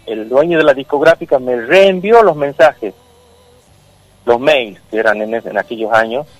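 A man's voice: mid-range voice, moderate pace, no echo, poor audio. Middle-aged Argentine man on the phone. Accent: Argentine Spanish. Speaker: songwriter guest. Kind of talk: phone interview on radio. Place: outdoors near a football pitch, windy.

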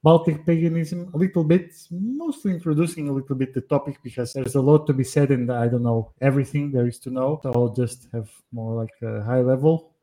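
A man from Portugal, a podcast guest, talking casually and hesitantly with many pauses and fillers. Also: mid-range voice, fairly even intonation, dark tone. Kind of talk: casual conversational explanation. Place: home setup on a call, northern Poland.

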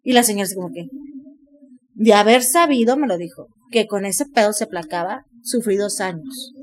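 A woman with a Mexican accent telling a story in casual chat, animated, full of crude slang and acted-out voices. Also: medium pitch, normal speed. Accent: Mexican Spanish.

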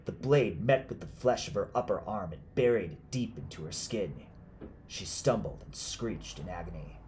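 A man with a deep, low voice reads a dark horror tale in steady, scripted narration. His delivery is grave and measured. A faint hiss sits under the voice.

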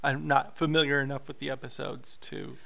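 A man co-hosting a podcast, talking through a TV episode in a measured, explanatory way. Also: mid-range voice, flat delivery, creaky, sharp tone. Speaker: podcast co-host. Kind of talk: casual recap chat.

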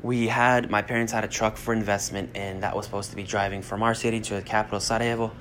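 He's a young podcast host from the United States with a voice on the low side, speaking quickly in a flat but fairly bright way. The talk is a casual, rambling motivational monologue, blunt and heavy on profanity, with slight background noise present.

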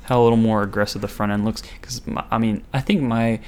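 A man co-hosting a casual podcast, easygoing, chiming in with quick reactions and the odd curse. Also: lowish voice, fairly even intonation, a little mellow. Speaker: podcast co-host. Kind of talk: casual chat.

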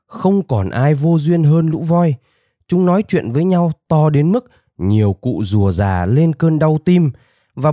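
Lively storybook narrator man. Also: mid-range voice, dry recording, studio quality. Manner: expressive, dramatic storytelling.

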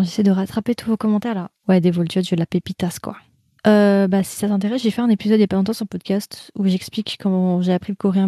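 A young woman hosts a casual live chat about Korean dramas, addressing viewers in slangy, rambling speech full of fillers. Her mid-range voice has a dark tone, recorded clean with no room sound, like a studio.

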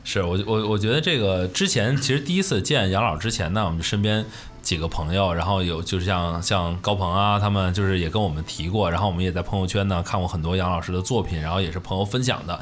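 A man's voice: low-pitched, fast talker. A man hosting a casual radio interview in a chatty, teasing way. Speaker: radio show host.

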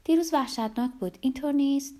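A woman voicing a cheerful, self-confident young woman in an audiobook, speaking brightly and eagerly. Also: high-pitched, voice pushed up, lightly acted. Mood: pleased.

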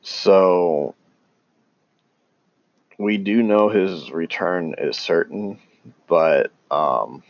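A man talking casually and haltingly about scripture, with many pauses and restarts. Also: low voice, dry recording, highs cut off. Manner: calls himself tongue-tied. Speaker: religious commentator. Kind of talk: casual unscripted talk on scripture.

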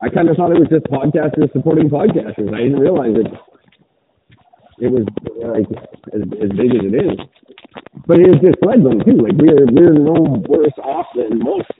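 A man's voice: on the high side, sing-song, moderate pace. A man co-hosting a podcast in casual chat, his voice muffled as if talking through a sweater, rambling and swearing casually with many restarts. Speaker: podcast co-host. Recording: muffled phone-like line with background noise.

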